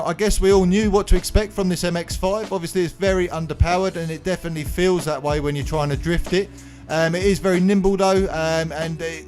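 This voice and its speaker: A man's voice: a little high, a little mellow. A man hosting a gaming tutorial voice-over in a casual way, his speech slightly numb-mouthed as if after dental anaesthetic. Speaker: video game channel host. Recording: music playing behind the voice. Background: music.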